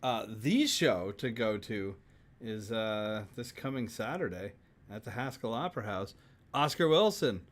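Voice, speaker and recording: A man's voice: on the low side, expressive, a little slow. A man hosting a casual live-streamed talk show, joking and laughing easily as he wraps up. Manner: joking, laughs often, loose with fillers.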